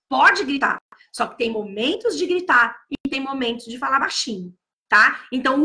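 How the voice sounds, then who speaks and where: Loud, emphatic São woman teacher. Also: sits high. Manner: emphatic, repeats key words, talks loudly. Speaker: early-childhood educator. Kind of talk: casual advice talk to teachers.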